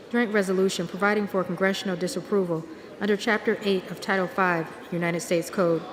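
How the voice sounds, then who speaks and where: A woman reading official text aloud formally as a legislative clerk. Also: fairly low pitch. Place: large legislative chamber, House floor. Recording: echoey chamber with clear crowd murmur.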